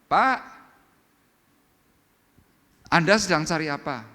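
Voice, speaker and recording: A man doing a high, eager kind woman. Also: normal speed, pushed and bright. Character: kind generous woman giving charity. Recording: church hall reverb.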